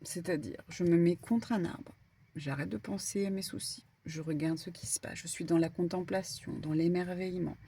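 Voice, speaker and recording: A woman medium giving a casual spiritual card reading, talking in an animated, stumbling way with many fillers. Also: lowish voice, normal speed, slight background noise. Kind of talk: spiritual guidance talk, casual.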